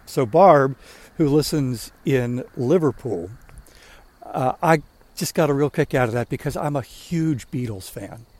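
Older man, mid-pitched, relaxed and rambling, hosting a podcast on a walk. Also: unhurried. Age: 60s. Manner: chatty, rambling storyteller. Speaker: podcast host. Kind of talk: casual talk while walking. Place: outdoors on a walk.

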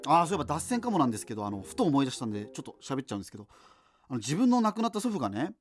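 Racing through his lines in a natural, mid-range voice with big pitch swings, a man plays an amateur solo radio host living in a doomed future. Soft music plays under this scripted radio-drama monologue, which is chatty, digressive, and peppered with self-interruptions and casual asides.

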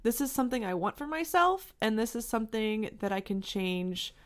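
A young woman hosting a podcast interview, bubbly and quick to laugh, often speaking straight to her listeners. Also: on the high side, animated. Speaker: podcast host. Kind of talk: casual interview chat.

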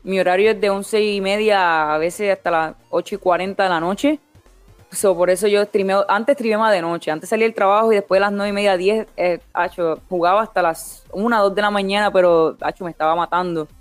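A woman's voice: mid-range voice, fairly quick, no echo, soft background music. Chatty Puerto Rican woman, dry sound. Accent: Puerto Rican Spanish. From Puerto Rico. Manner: chatty, laughs often, mixes in English words. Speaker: guest streamer. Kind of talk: casual interview chat.

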